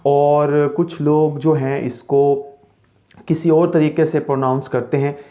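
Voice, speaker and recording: A man's voice: fairly high pitch, warm tone. A man who teaches English pronunciation, patiently repeating each word and checking in with his viewers. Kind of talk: slide-based language lesson.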